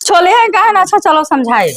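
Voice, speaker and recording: A woman playing a calm Awadhi village mother. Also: very high voice, brisk, heavily acted. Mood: coaxing. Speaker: mother in a village comedy skit. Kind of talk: rustic comedy skit acting.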